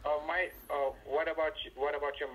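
A man's voice: on the high side, fairly even intonation, quick pace, bright, forceful tone, rough recording. A man, stammering in broken as he argues heatedly over the phone. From India. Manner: stammering, broken English, argumentative. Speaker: phone scammer.

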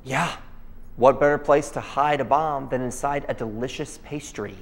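An actor playing a paranoid, dim-witted bodyguard in a scripted comedy, speaking with solemn, defensive earnestness. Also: male voice, medium pitch, moderate pace, long reverb tail, a little hiss or hum, lightly acted. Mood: insistent.

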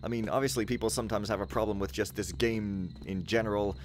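A man's voice: on the low side, steady tone, quick pace, noisy background. A man giving casual, sardonic, rambling commentary as he plays through a video game. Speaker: let's play host. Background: video game sound and music.

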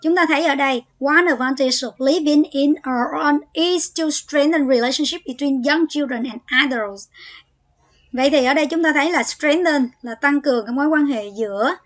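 A woman's voice: high-pitched, normal speed. A woman English teacher with a Vietnamese accent, talking students through vocabulary exercises and reading English words aloud between explanations. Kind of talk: exam exercise walkthrough.

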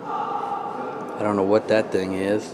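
Filming a handheld video tour inside a church, an amateur videographer and music fan stands beside the organ and offers casual, awed commentary to himself from behind the camera. His voice is lowish, flat and slow, with clear background noise in the camera audio.

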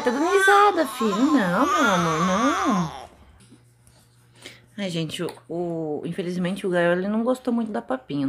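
Chatty Brazilian mom with lively voice. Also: female voice, lowish voice, breathy edge. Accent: Brazilian Portuguese. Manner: chatty, talks sweetly to her babies. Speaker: mother of twin babies. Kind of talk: casual home vlog.

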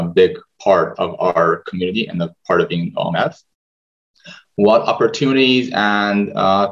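A young man hosts an online webinar at an easy pace, pausing on "uh" often. His voice sits very low. The video-call audio sounds a little dull. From Israel. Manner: relaxed, hesitant with many fillers. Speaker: webinar host, medical student. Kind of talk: presenting a webinar over slides. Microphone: video call webcam.

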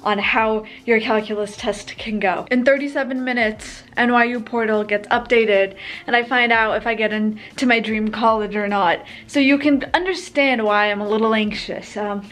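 A woman's voice: on the high side, fairly even intonation, moderate pace, fairly bright tone. A young woman talking casually to her camera at home in a chatty, upbeat vlog, with lots of "like" fillers. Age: young adult. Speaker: vlogger.

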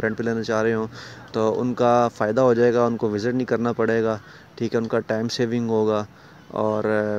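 A man's voice: medium pitch, a little mellow, muffled recording, a little hiss or hum. A man with a Pakistani Urdu accent gives a walking tour of a rental house. He talks in a salesy way and keeps pointing things out to the viewer. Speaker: property dealer giving a house tour. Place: large empty house, indoors and on stairs. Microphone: phone camera held while walking.

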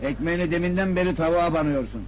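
An actor playing an indignant shopkeeper bickering in a comedy sketch clip. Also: male voice, on the high side, very fast, close to an everyday voice. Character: proud touchy male shop owner.

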